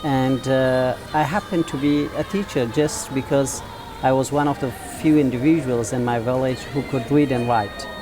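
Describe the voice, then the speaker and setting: A man in his forties with an Afghan accent, a teacher who founded a school, answers interview questions earnestly but haltingly, stretching out many fillers. His voice is medium-pitched with fairly even intonation, and music plays underneath.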